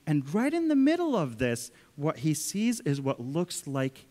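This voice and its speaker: A man's voice: a little high, wildly swooping pitch, unhurried, darkish tone. Guy preaching a story sermon, talks to the kids sometimes, long church reverb. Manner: storytelling, often speaking to the children directly.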